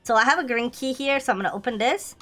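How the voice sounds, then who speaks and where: A woman with a high-pitched voice streams a horror game with playful fright. She comments in a casual, slangy way and repeats her phrases excitedly. Faint music plays behind her. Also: quick pace. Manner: scared horror game streamer, shrieking and pleading in mock fright.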